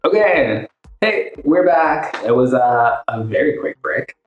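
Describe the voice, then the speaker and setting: A man's voice: mid-range voice, lively intonation, takes it slowly, muffled recording, soft background music. Man hosting a podcast, roomy sound. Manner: hesitant, many fillers. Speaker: podcast host. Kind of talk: podcast interview.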